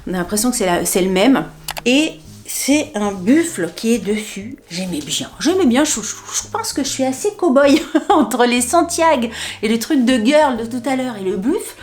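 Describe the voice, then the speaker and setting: A fashion haul vlogger chats casually while trying on clothes, talking to herself, laughing often, and tossing in playful sound effects and filler words. Her voice is on the high side and expressive, with a darkish tone and a moderate pace.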